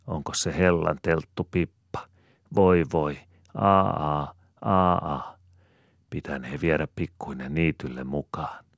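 A man's voice: very deep voice, no room sound, studio quality. A man voicing a bustling, fond rural mother who rambles in homely chatter and croons lullabies to her baby. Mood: crooning.

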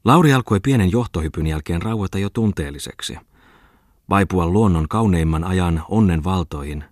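A man reading a novel aloud as an audiobook narrator, in a calm, even literary manner, close to the mic. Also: low voice, no room sound. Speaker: audiobook reader. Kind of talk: scripted narration.

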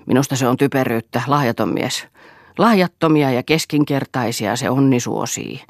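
A woman's voice: a bass voice, dry recording, studio quality. A woman reading the lines of a bitter, domineering husband who talks with scorn and blame. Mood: scornful. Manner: scornful, accusing.

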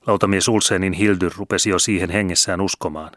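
Man, audiobook narrator, steady storytelling, low pitch, dry close sound. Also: no echo. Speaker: audiobook reader. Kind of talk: scripted narration.

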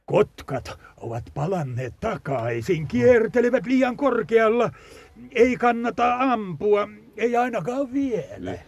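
An actor playing an old village hunter with a husky, hesitant voice in a 1950s school radio drama. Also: male voice, high voice, sing-song, heavily acted. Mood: wary. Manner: hesitant, hemming.

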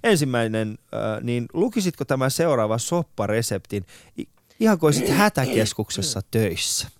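Rento juontaja-mies. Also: male voice, medium pitch, dry recording, clean studio sound. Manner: relaxed, hesitant with fillers, sets up games. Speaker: talk show host. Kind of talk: casual talk show chat.

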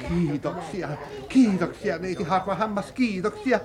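An actress playing a fussy, smooth-talking shopkeeper hare, polite and salesy, in a radio play. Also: female voice, lowish voice, expressive, close to an everyday voice. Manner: polite and salesy, then panicky. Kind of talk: 1970s-style radio play acting. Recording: radio play with crowd bustle behind.

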